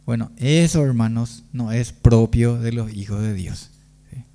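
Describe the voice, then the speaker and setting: Slow, mellow-voiced Paraguayan pastor. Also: male voice, mid-range voice, vocal fry. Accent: Paraguayan Spanish. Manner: slow, pausing preaching with rhetorical questions. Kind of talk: sermon.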